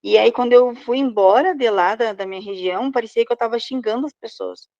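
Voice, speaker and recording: A woman's voice: fairly high pitch, fairly quick, a little mellow, no echo. A woman with a Rio Grande do Sul border accent, chatting in a group and often searching for her words. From southern Brazilian border region. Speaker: therapy student. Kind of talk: group discussion. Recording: dull, dry lo-fi sound.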